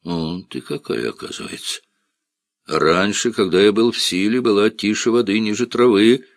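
A man voicing a hard, boastful middle-aged man who talks gruffly with swagger, in a story reading. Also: on the low side, moderate pace, dry recording, studio quality, pitched above the performer's own voice. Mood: angry.

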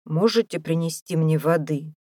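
A woman voicing a wry, brisk middle-aged male priest in an audiobook, dry and matter-of-fact. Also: deep voice, warm tone, no room sound.

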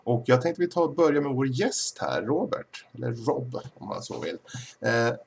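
A man hosting a casual podcast chat, measured and steering the talk. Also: mid-range voice, animated, vocal fry, breathy edge. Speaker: podcast host.

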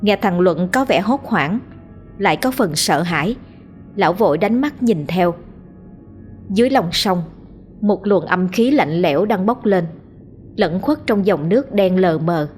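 A woman narrating a ghost story in a steady storytelling voice. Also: fairly low pitch, a little slow, long pauses, faint music behind.

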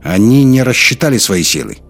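A man with a husky voice reading an audiobook, voicing a wounded billionaire who speaks in loud, slow, persuasive oratory. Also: medium pitch, big pitch swings, faint music behind, pitched above the performer's own voice, full character voice. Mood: accusing, commanding.

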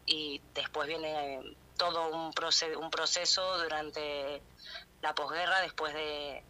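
Halting Rioplatense-accented woman anthropologist. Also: low-pitched, bright, forceful tone. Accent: Rioplatense Spanish. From Spain. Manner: hesitant, halting with many restarts. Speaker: anthropologist guest. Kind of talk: interview. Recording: radio interview over phone line.

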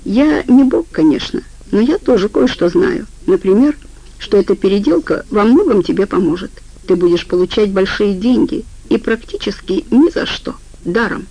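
A woman reading the part of a soft-spoken, persuasive and quietly menacing middle-aged man in an audiobook. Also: mid-range voice, animated, normal speed, rough recording. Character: sly, coaxing middle-aged man boss.

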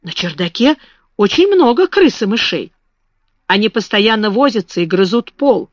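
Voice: mid-range voice, very animated, normal speed, no room sound. A reader voicing a humble young scullery maid in a storybook reading, talking in a plain, matter-of-fact way. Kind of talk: audiobook reading. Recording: dull lo-fi dry recording.

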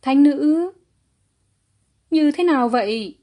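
A man's voice: extremely high pitch, expressive, slow pace, dark tone, voice pushed up, heavily acted. A woman voicing an elderly grand elder, a desperate father who pleads in a shaky voice. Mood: trembling. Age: older.

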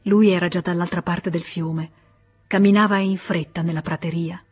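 A woman reading a classic novel aloud in a measured, expressive literary narration. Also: fairly low pitch, breathy edge. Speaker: audiobook narrator. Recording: faint music bed.

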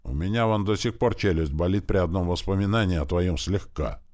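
A man's voice: deep voice, fairly quick, darkish tone, lightly acted. A man voicing a blustering young orc warrior. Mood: boisterous. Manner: blustering, boisterous. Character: rough brash young male orc warrior.

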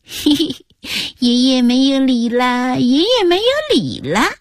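A woman voicing a playful, cheeky little granddaughter in a radio story, with a high, chirpy, giggly delivery. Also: animated, a little slow, no echo, studio quality. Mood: gleeful.

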